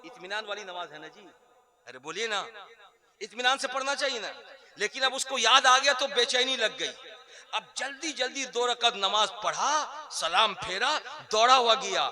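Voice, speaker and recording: A man's voice: very high voice, moderate pace, pushed and bright. A man preaching a storytelling sermon, urging the crowd to respond. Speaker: preacher at a religious gathering.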